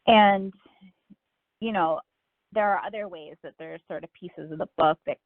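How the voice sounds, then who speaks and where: Over thin telephone sound, a fairly low-pitched woman speaks at a moderate pace in a dry recording. She's a guest author from Miami, United States, answering interview questions in a casual, thoughtful way, often saying "like" and "you know."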